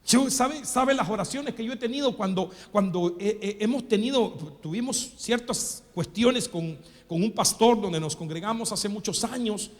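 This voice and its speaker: High-voiced Nicaraguan preacher in a hall. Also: male voice, moderate pace, hardly any pauses. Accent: Nicaraguan Spanish. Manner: emphatic preaching, keeps addressing the congregation as "brother". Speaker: pastor. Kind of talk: sermon. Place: church. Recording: long hall reverb.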